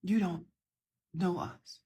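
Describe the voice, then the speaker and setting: This southern U.S. social media creator, middle-aged, records an intense, emphatic response to someone else's video while talking to camera. Her voice is on the low side and mellow with a breathy edge, slow, with fairly even intonation.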